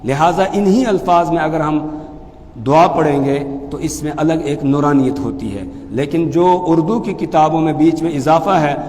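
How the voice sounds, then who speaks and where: A man teaching as a mufti, explaining pronunciation calmly and then chanting phrases slowly and loudly. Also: a little high, long reverb tail, slight background noise. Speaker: mufti teaching the call to prayer. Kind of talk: religious lesson with chanted demonstrations.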